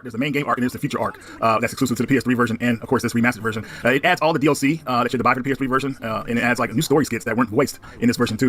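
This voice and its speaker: Very fast-talking man, casual game reviewer. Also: medium pitch, a bit bright. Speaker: game collection video reviewer. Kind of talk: casual vlog commentary.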